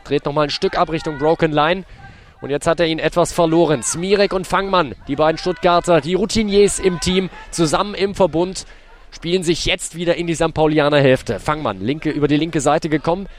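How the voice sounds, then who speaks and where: A man with a high voice commentates live on a football match. He describes each move in detail, in short clipped play-by-play phrases. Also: fairly quick. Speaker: sports commentator.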